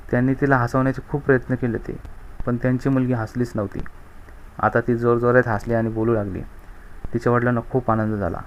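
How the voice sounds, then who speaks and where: A man reading a children's textbook story aloud in a clear, measured storytelling manner. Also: medium pitch, lo-fi sound.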